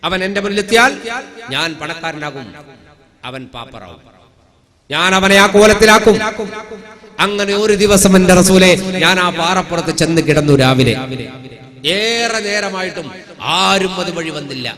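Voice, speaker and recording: A man's voice: sits high, normal speed, pauses often, fairly bright tone. A man narrating a dramatic religious story in the first person on stage. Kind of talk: Islamic kathaprasangam storytelling.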